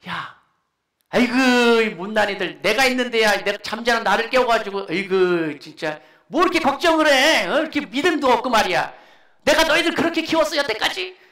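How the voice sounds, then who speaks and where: A gently chiding Jesus, as a male preacher puts him on, sounding fond rather than angry with a folksy, teasing turn of phrase. The voice sits high and bright, and it rings through an echoey church hall. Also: animated, a little fast, exaggerated voice. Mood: fond scolding. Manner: exasperated but affectionate, folksy. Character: Jesus, grown man, gently chiding teacher.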